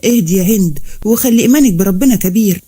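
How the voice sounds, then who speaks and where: A woman voicing a steady, comforting father who speaks soothingly, with an Egyptian accent. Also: high-pitched, quick pace, slightly rough. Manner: soothing and devout.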